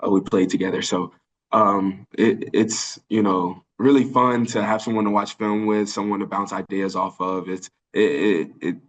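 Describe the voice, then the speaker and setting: A man's voice: on the low side, fairly even intonation, normal speed. A young man in his early twenties from Birmingham, Alabama, answering press questions over a video call in an earnest way, with many fillers and restarts. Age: early 20s. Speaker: college football linebacker.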